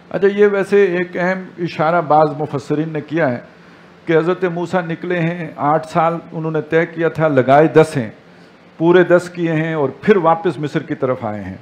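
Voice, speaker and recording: A man's voice: fairly high pitch, muffled recording. A man giving a Quran lesson, reciting Arabic verses and explaining each one in Urdu. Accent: Pakistani Urdu. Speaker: Quran teacher.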